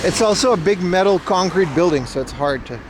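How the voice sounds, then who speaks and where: A man's high, animated voice comes through a livestream headset mic as he hosts a stream outdoors in a city near a parking garage. He talks briskly and rambles in a laid-back way, swearing casually, with background noise around him.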